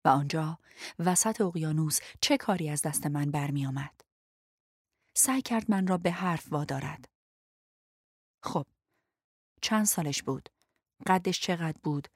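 A woman narrating a first-person audiobook in a measured, dramatic reading. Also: low voice, dry recording, clean studio sound.

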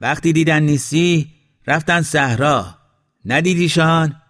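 A man voicing an old village man who calls out loudly from a rooftop in a storybook reading. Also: fairly high pitch, voice pushed up, lightly acted. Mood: calling out. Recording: long hall reverb.

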